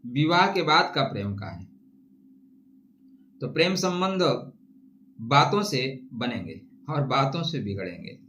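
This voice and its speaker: A man giving a monthly horoscope talk, emphatic with dramatic pauses, slowly reciting Sanskrit verses and rhymes. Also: a little high, a bit bright. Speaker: astrologer. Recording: echoey room with faint noise.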